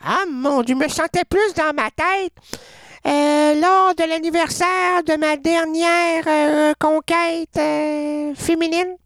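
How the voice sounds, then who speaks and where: A performer voicing an excitable, rambling female caller with a Quebec French accent in a comedic radio sketch. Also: sits high, slow, vocal fry, dry recording, studio quality, voice pushed up, heavily acted. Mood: excited. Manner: gushing, giggly, rambling.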